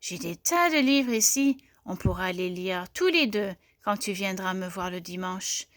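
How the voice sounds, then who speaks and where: A woman's voice: fairly low pitch, level tone, measured pace, fairly bright tone, no echo. A kind young schoolboy from a children's story, read by a woman, friendly and plain-voiced. The recording is dry and close.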